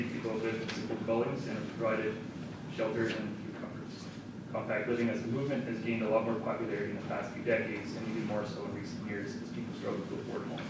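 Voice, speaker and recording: A man, an architect, giving a measured, formal statement to council, heard on a distant, echoey council chamber recording. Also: lowish voice. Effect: echoey council chamber recording from a distant room mic. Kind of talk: prepared statement at a public hearing. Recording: roomy chamber, far mic, loud background hiss.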